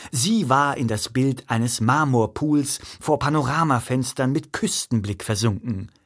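A man narrating a comic audiobook in a wry, expressive storytelling manner. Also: medium pitch, a little slow.

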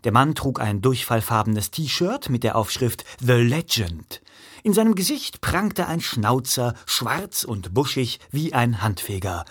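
A man narrating a comic audiobook in a wry, expressive storytelling manner. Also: mid-range voice, unhurried, hardly any pauses, husky.

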